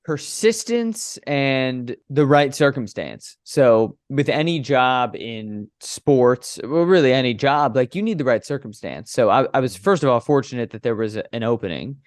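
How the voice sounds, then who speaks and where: A man's voice: mid-range voice, normal speed, few pauses, no room sound. Chatty young man, dry close sound. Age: 20s. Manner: animated, chatty storyteller. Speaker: baseball broadcaster, guest. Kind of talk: conversational interview.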